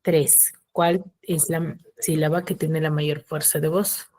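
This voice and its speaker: A woman teacher giving an online class, asking patient questions and slowing down to spell out syllables. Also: low voice, level tone, dark tone, dry recording. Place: home room for an online class.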